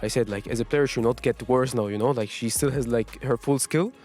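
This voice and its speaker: A man's voice: medium pitch, fairly quick, darkish tone, soft background music. A man, a pro player, chatting in an interview in non-native English, full of "like" and "you know". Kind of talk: casual interview chat.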